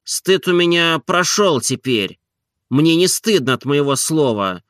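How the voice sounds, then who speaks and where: A shy, lovesick gentleman as a male narrator reads him, slow and soft, pleading with each word. His voice is bright and clear in a dry, close recording. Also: on the high side, animated, no echo. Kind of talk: audiobook character reading.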